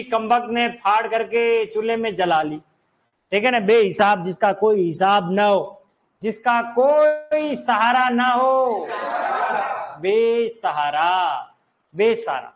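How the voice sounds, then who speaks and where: A man's voice: very high-pitched, rough recording. A man teaching a class on word prefixes, asking students questions and singing short bits of songs. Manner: slow, drawn-out teaching with sung snippets and questions to students. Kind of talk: classroom lesson on Hindi prefixes.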